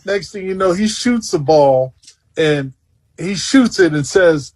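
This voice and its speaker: A former basketball player, a man, telling an excitable story in an interview, laughing as he goes. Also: takes it slowly. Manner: excitable, laughs and jumps in pitch.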